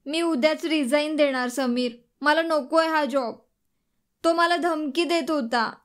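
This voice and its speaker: A woman's voice: high voice, measured pace, voice pushed up. Woman reading as an upset, pleading young wife. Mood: indignant. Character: shaken young wife, tearful and indignant. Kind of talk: audiobook dialogue reading.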